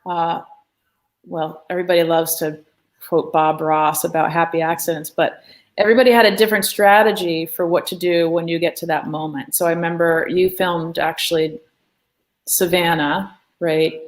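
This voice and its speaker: A woman's voice: on the low side, fairly even intonation, moderate pace, poor audio. A woman hosting a live art lesson, talking casually and rambling with filler words. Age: adult. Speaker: art class host. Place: art studio room.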